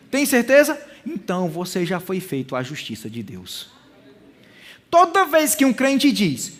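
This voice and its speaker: Male Bible teacher, Brazilian accent, high voice, preaches a lively lesson with questions to the room. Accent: Brazilian Portuguese. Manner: animated preaching, questions to the audience, acts out quoted voices. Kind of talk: sermon-style Bible lesson.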